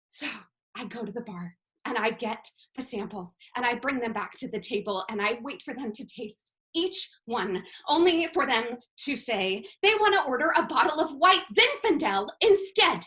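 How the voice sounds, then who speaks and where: A woman's voice: on the high side, animated, moderate pace, pushed and bright, low-quality recording. A woman performing a monologue as a frazzled young waitress at a busy restaurant, telling her story in breathless, spiraling runs that tip into tears. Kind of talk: stage monologue over video.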